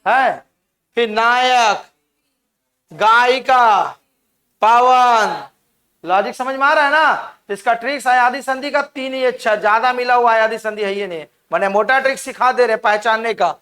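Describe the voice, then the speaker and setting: A man's voice: very high voice, measured pace, pushed and bright. A man teaching grammar in a classroom-style lecture, explaining step by step and constantly asking the students questions.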